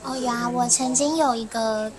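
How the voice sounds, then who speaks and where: A woman, a former cram-school teacher, telling animated stories on a podcast and laughing often. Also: moderate pace, crowd noise, low-quality recording. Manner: animated, laughs often, acts out quotes in a shrill voice. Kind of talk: casual podcast storytelling.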